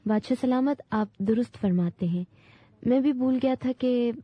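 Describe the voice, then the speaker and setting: A woman's voice: on the high side, no room sound, lightly acted. Woman doing a proud, brave soldier. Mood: earnest. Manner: passionate, proud. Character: grown male soldier, brave and dignified. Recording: dull dry recording.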